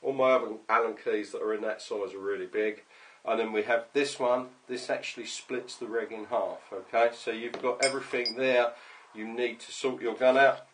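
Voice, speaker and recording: A man's voice: medium pitch, steady tone, moderate pace, recorded from a distance, a little hiss or hum. A man casually showing and explaining parts, talking straight to his customers. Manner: chatty, addresses customers directly with "okay?" and "mate". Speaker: paintball tech vlogger. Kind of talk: casual show-and-tell to camera.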